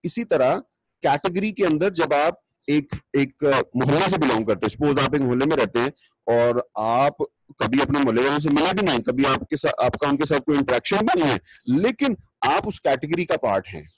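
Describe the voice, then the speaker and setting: Lecturer on a distorted, clipping mic. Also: male voice, fairly high pitch, expressive. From Pakistan. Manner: slow, deliberate explaining with questions to students. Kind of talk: online classroom lecture. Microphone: computer mic on an online call.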